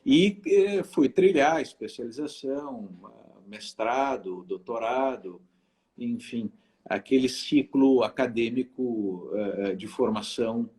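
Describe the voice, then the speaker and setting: A middle-aged man from Rio Grande do Sul in southern Brazil, a lawyer and lecturer, speaks as an interview guest in a casual conversation. His voice is mid-range with a darkish tone, and he takes his time. He hesitates a lot, filling pauses with sounds and often restarting his sentences.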